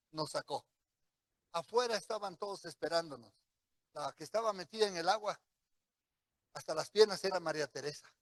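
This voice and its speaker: High-voiced, bright-toned male preacher. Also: no echo. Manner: vivid storytelling, acts out what people said. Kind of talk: sermon with personal testimony.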